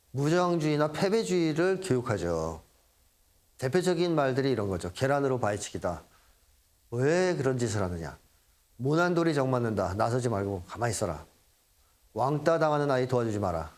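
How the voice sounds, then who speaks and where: A man's voice: medium pitch, very animated, normal speed, pauses often, a little mellow. A middle-aged man giving a lecture, acting out quoted lines and chuckling now and then. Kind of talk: lecture talk.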